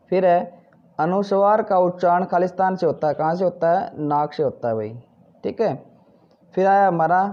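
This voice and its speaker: A man's voice: fairly high pitch, dull audio. A male Hindi teacher patiently working through textbook exercises, asking questions and answering them himself. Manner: patient, repeats "ठीक है" and "भाई", asks then answers.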